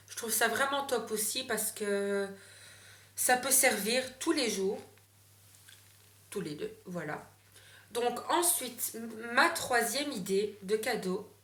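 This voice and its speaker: A woman's voice: on the high side, a bit bright, echoey room. A young woman from Belgium, chatting casually about gift ideas, with many fillers and self-corrections. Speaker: beauty vlogger.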